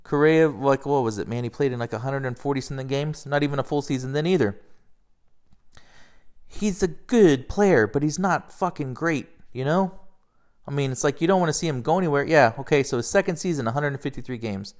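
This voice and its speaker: A man's voice: medium pitch, brisk. A man in his thirties from the United States, rambling casually and profanely about baseball and getting worked up as he goes. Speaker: podcast host. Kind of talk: casual sports chat.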